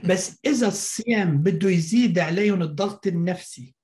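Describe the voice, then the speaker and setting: A man with a Lebanese accent giving informal expert explanations as a doctor in an interview, often halting and repeating words as he goes. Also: sits high, a little mellow. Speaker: fertility doctor, interview guest.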